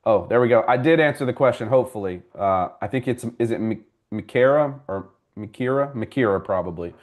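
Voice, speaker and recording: This lowish male voice moves fast. As a mortgage broker hosting a live class for homebuyers, he talks through the material in a conversational way and answers viewers by name during the audience question segment.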